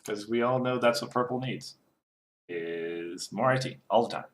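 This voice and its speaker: A man's voice: on the low side, normal speed. A man co-hosting a casual card game podcast, talking with lots of fillers and restarts. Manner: hesitant, many fillers and restarts. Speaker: co-host. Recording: roomy echo.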